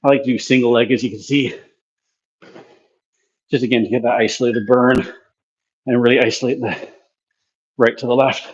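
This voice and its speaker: A physiotherapy clinic presenter casually talks through his gym workout between sets in a demonstration vlog, sounding winded. His mid-range voice has fairly even intonation at a normal speed with long pauses, and the recording's highs are cut off.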